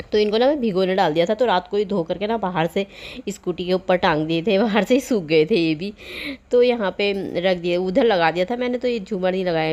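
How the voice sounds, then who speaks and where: A woman's voice: medium pitch, a little mellow. A middle-aged woman narrates her morning housework for her home vlog. She rambles in a chatty, easygoing way and laughs often as she talks. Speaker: vlogger. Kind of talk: casual daily-life vlog narration.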